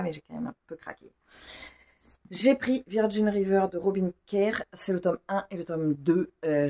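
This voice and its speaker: A woman's voice: on the low side, dark tone. A woman chatting casually in a book haul vlog, rambling and talking to herself in little asides. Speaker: book YouTuber.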